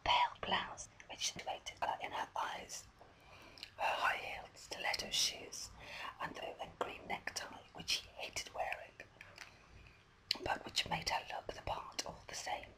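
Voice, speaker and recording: A voice whispering softly and breathily, reading a story aloud in a deliberate ASMR style, close to the microphone. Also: low-quality recording. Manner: soft, deliberate story reading with small stumbles.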